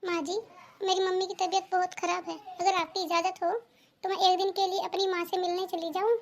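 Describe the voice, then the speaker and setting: A woman's voice: very high voice, level tone, fairly quick. A woman voicing a polite young daughter-in-law in a cartoon, respectful and pleading. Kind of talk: cartoon dubbing.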